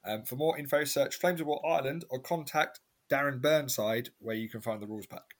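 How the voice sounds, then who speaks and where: A man's voice: mid-range voice, fairly quick. A man co-hosting a podcast, chatting casually with dry jokes. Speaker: podcast co-host. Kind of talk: casual chat.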